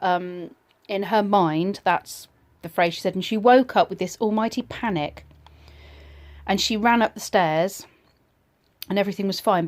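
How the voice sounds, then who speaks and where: A woman casually telling a personal ghost story in a reflective, slightly hesitant way, pausing between short phrases. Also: mid-range voice, darkish tone.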